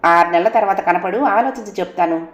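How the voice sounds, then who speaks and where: A woman's voice: mid-range voice, a little fast, roomy sound, dull audio, close to an everyday voice. A woman voicing a proud young wife who answers her husband in a cutting, stern way.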